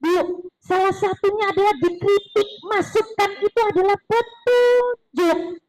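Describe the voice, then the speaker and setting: A woman giving a religious parenting talk in a lively, chatty way, slipping in words and acting out other people's lines. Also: very high-pitched, unhurried, rough recording. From East Java. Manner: lively, chatty, mixes Javanese words, acts out voices of others. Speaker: parenting seminar speaker. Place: mosque hall.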